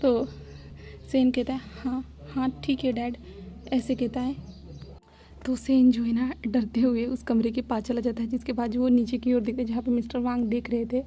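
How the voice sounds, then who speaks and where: A woman's voice: fairly high pitch, little pitch movement, normal speed, warm tone, a little hiss or hum. A woman casually retelling a fanfiction story, rambling along with frequent fillers.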